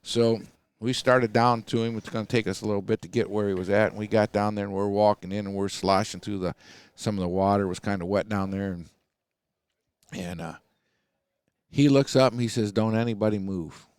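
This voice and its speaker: Kennel owner, easygoing rambling storyteller, lowish smooth voice, dry close sound. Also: male voice, steady tone, brisk, darkish tone, dry recording. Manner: folksy, rambling with many fillers. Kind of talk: casual storytelling. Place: podcast recording session.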